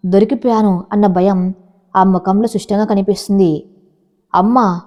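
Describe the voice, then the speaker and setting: A woman storyteller narrating an audio story with a dramatic, measured reading. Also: mid-range voice, steady tone, warm tone, long reverb tail.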